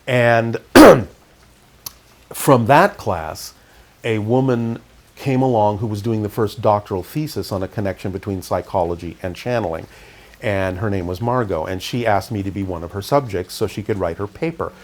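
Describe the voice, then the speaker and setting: Here's a middle-aged interview guest, Canadian-born and California-raised, looking back on his experiences. He talks calmly and keeps things measured and low-key.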